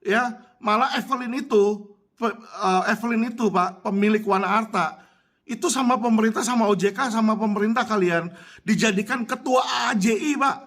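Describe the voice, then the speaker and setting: A man's voice: high-pitched, normal speed, a bit bright. A man delivering an impassioned, accusatory monologue aimed at a government minister, dropping English phrases into his speech. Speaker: lawyer addressing a minister.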